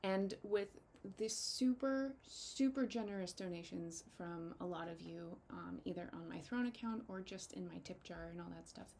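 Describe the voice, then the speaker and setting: Young woman, low-ish voice, casual vlog chat, emotional and thankful, faint background hum. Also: darkish tone. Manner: heartfelt, grateful, gets emotional, halting with many ums. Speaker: fantasy photographer and content creator. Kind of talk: casual personal update to viewers.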